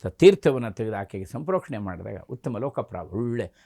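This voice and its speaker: A man, a religious scholar, telling devotional stories in a lively, expressive way and acting out the voices in them. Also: fairly low pitch, fast, vocal fry. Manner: animated, acting out the story's voices. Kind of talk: devotional storytelling discourse.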